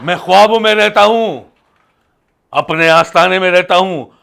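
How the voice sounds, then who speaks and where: Give me a man acting as a boastful, lecherous fake faith-healer baba who booms and chants in a high voice. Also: a little slow, creaky, a little hiss or hum, full character voice. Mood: comic. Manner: loud, sing-song hawker chants, sudden angry outbursts. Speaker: comedian. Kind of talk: sketch comedy.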